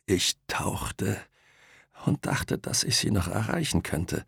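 A man voicing a dazed, injured man who speaks in a hushed, trembling, broken voice. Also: deep voice, very animated, takes it slowly, vocal fry, slightly rough, no room sound, studio quality, exaggerated voice.

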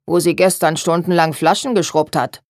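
A woman's voice: low-pitched, fairly even intonation, normal speed, darkish tone, dry recording, natural voice. A spiteful seamstress in a storybook, voiced by a woman. She sneers at others in a snide, knowing way. The sound is dry and close. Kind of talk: audiobook reading.

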